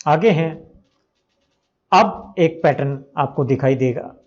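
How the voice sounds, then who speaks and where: Slow, methodical male English teacher. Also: fairly high pitch, lo-fi sound. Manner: repeats each verb form and gives Hindi meanings. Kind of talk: slow, methodical grammar lesson.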